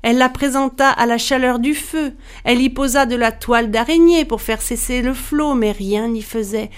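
A woman narrating a dark fairy tale in a measured, dramatic storytelling manner. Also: a little high, clean tone.

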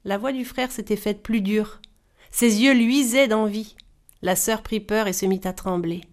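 Woman reading a folktale aloud. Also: medium pitch. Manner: measured, animated voices for characters. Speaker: storyteller. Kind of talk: expressive storybook reading.

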